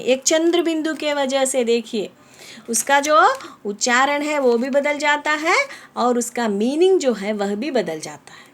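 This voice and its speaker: A woman teaching young children in a slow, patient way. Her higher voice rises and falls a lot as she repeats words and checks that the class is following. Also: a bit bright. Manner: slow, repeating words and explaining them in English; asks children whether they understood.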